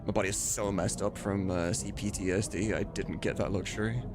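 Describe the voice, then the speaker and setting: This live streamer, a man in his thirties who makes game dubs, talks fairly quickly in a steady tone, his voice sitting on the low side. He rambles casually and candidly while music plays behind him.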